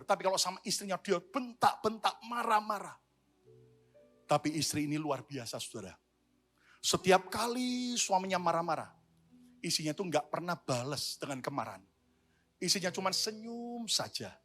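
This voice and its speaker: A male pastor delivers an energetic sermon in a fairly high, bright, ringing voice. He calls on the congregation to repeat after him and keeps the room engaged. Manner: energetic preaching with call-and-response to the congregation.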